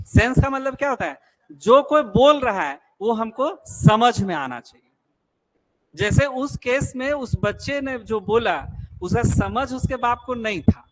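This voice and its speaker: Male coaching teacher, fairly high voice, keeps checking the class follows, folksy storytelling. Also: poor audio. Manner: keeps checking students understand, tells folksy anecdotes. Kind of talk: classroom lecture.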